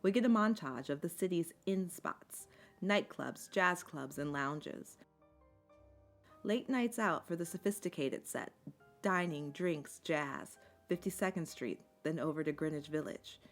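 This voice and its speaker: A woman with a deep-set voice narrates a scripted documentary essay. Her delivery is measured and articulate, in the manner of a storyteller. Instrumental music plays softly behind her. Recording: music bed under the voice.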